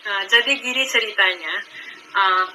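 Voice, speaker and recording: A woman's voice: medium pitch, moderate pace, bright, forceful tone, a little hiss or hum, low-quality recording. A young Filipino woman with a Filipino accent, a foreigner speaking fluent colloquial Indonesian in a casual vlog style. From Philippines. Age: young adult. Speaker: language student making videos.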